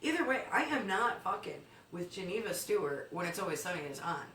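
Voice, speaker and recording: A woman's voice: fairly low pitch, big pitch swings, brisk, a bit bright, roomy sound, recorded from a distance, a little hiss or hum. A woman co-hosting a comedy news segment, telling an absurd story playfully with ums and swearing.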